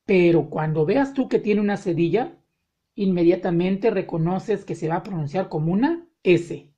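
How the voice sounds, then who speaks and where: A woman teaching French spelling to beginners, spelling words out letter by letter slowly and patiently. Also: lowish voice, dark tone, dull audio. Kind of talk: slow spelling lesson for beginners.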